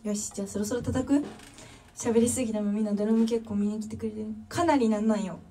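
A woman's voice: medium pitch, steady tone, fast talker, mellow, recorded from a distance. A young woman with a Kansai accent chatting casually on a livestream, reading viewer comments and thanking fans one by one. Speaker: drummer livestreamer.

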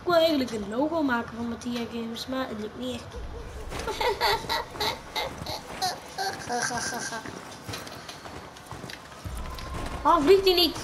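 A woman giving chatty, excitable gaming commentary, dropping English phrases and swearing as she plays. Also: fairly high pitch. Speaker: gaming YouTuber. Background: game music.

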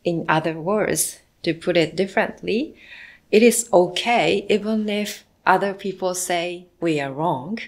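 A woman giving live English interpretation of a sermon, slow and measured, now and then correcting herself mid-phrase. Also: on the low side. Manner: slow, measured delivery with occasional self-corrections.

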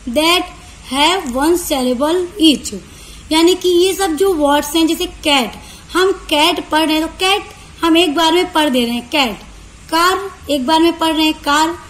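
High-voiced woman teaching a class. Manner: reads English definitions very slowly, then explains fast and at length. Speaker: online tutor. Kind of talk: lecture for university students.

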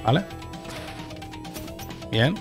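A man with a Castilian Spanish accent giving casual, sweary gameplay commentary, talking to himself as he plays. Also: very slow. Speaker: gaming streamer. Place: small indoor streaming room. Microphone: boom-arm microphone close up. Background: video game music.

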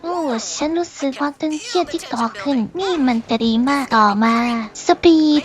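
A man's voice: very high-pitched, animated, normal speed, voice pushed up. A man using a voice-changer app to dub a young woman racer in a racing game, with a slightly robotic, not quite human sound. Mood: teasing. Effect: voice-changer app making a female voice.

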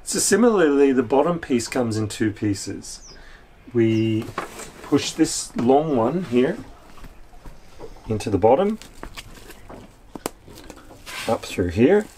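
A man's voice: medium pitch, big pitch swings, slow pace, pauses often, warm tone. A man in his fifties on a sailboat deck, explaining step by step how he does a repair while working with his hands, recorded on the camera mic. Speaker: sailor showing a boat repair. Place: outdoor deck of a sailboat at anchor. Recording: outdoor wind and ambient noise.

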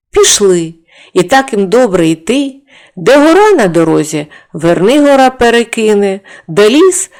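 A woman narrating a folk fairy tale for an audiobook with expressive storytelling. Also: mid-range voice.

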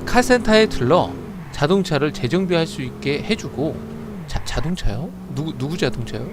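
A man streams a game with a playful, chatty voice that stammers and repeats itself. He talks high and lively, then bursts into loud flustered shouts. Car and game noise run clearly behind him. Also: normal speed. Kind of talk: live game commentary with chat.

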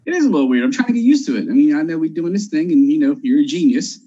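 Husky man hosting a live boxing show. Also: on the high side, very animated, very fast, warm tone, muffled recording. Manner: hypes his intro with showy nicknames. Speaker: podcast co-host.

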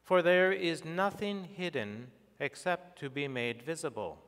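A middle-aged male priest recites liturgy with solemn formality. His voice is smooth and resonant, and he takes his time over each phrase. The words ring out through a church microphone into a long cathedral echo. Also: a little high, a little slow, a bit bright. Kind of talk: liturgical prayer and scripture reading. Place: large church sanctuary, at altar and lectern. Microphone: fixed church microphone on lectern or altar.

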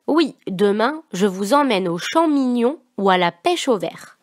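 A woman's voice: mid-range voice, expressive, a little slow, no room sound, studio quality, lightly acted. A woman doing a mild, puzzled prince father. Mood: gentle. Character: gentle fussy prince father.

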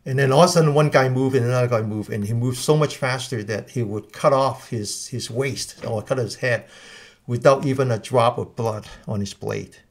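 Male guest teacher, mid-pitched, halting delivery full of restarts. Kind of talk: live Q&A explanation.

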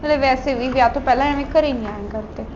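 A young woman playing a fiancée who talks softly and pleads. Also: high voice, fast talker, muffled recording, slight background noise, close to an everyday voice. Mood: light. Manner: soft, pleading. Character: young fiancée, gentle and traditional. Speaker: bride-to-be. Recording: loud music under the voice.

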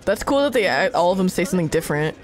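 A woman's voice: lowish voice, lively intonation, rapid-fire, soft background music. A woman co-hosting a let's play, chatting casually in a playful, giggly way. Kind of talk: casual gameplay banter.

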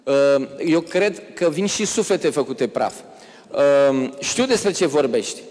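Animated man lecturing in a hall. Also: a little high. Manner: animated anecdotes, acts out quoted characters. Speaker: speaker giving a public lecture. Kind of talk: storytelling lecture with audience Q&A. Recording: long reverb of a lecture hall.

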